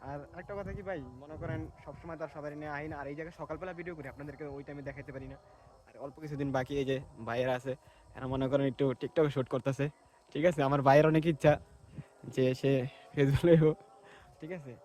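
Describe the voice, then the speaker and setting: Guy from bangladesh vlogging as he walks outside, fast chatty talk, slightly high voice. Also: little pitch movement, a little mellow. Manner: chatty, colloquial, often says "ঠিক আছে". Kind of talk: walking vlog. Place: outdoors in mustard fields.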